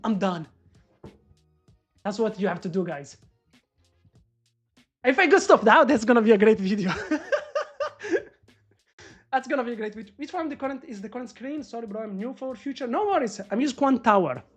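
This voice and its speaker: A man doing live trading commentary on a stream, excitable and swearing as he talks to the market. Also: very high-pitched, normal speed, long pauses, husky, lo-fi sound, faint music behind. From Morocco. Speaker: day trader live-streaming.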